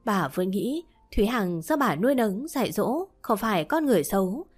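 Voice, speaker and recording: Woman narrator, mid pitch, first-person audiobook, soft music bed. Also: very animated, moderate pace, breathy edge.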